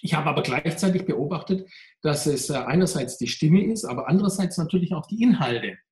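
A man's voice: fairly high pitch, lively intonation, fairly quick, darkish tone, echoey room. A man, a mental trainer, answering interview questions candidly and reflectively, his voice pressed and tense.

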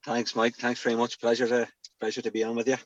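A man's voice: medium pitch, monotone, fast talker, no room sound, dull audio. A man in his forties with a west of Ireland accent, chatting casually and colloquially as a podcast guest. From Galway, Ireland. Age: 40s. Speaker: podcast guest, former professional footballer and coach. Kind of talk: casual chat.

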